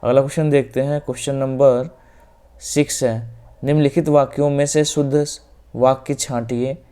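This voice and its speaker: A Hindi-accented North Indian man teaches exam-prep grammar in a steady, flat manner, his dark, mellow voice medium-pitched, clean and at normal speed. He methodically explains each question step by step, repeats answers, often says "ok", and lets phrases trail off softly.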